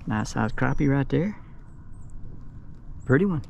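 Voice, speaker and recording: A man's voice: medium pitch, animated, a little slow, creaky, a little mellow, a little hiss or hum. A man vlogging his fishing trip from a kayak on a lake, explaining his technique in an easygoing way, recorded on a boat-mounted action camera. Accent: Southern American. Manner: easygoing, chuckles often, explains while fishing. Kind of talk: casual outdoor commentary. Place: kayak on flooded lake outdoors.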